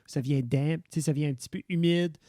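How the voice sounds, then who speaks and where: A Quebec French man co-hosting a relaxed podcast. He jokes around and often turns to speak to the listeners. His voice is slightly high, recorded close with no room sound. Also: brisk, no echo. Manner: joking, addresses listeners directly. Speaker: podcast co-host. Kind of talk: casual chat.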